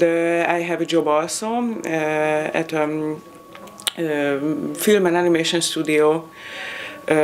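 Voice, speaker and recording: A woman's voice: low-pitched, a little hiss or hum. A woman in her thirties from Hungary, a PhD student and animator, answering interview questions with frequent hesitations. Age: 30s. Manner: hesitant, many fillers.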